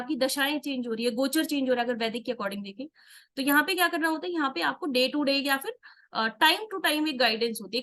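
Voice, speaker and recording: An Indian woman with a high, light voice leads an online tarot workshop. She explains each point step by step, often asking a question and then answering it herself. English words slip easily into her Hindi. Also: pushed and bright. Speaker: tarot teacher.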